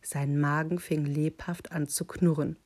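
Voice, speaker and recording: A woman reading a children's picture book aloud, with calm, deliberate storytelling. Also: low-pitched.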